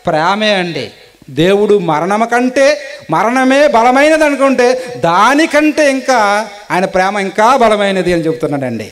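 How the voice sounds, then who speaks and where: Give me a male preacher with a high voice, polite, asking rhetorical questions and dropping to a hush. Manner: polite, asks the listeners many rhetorical questions; big swings between raised and hushed delivery. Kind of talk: sermon.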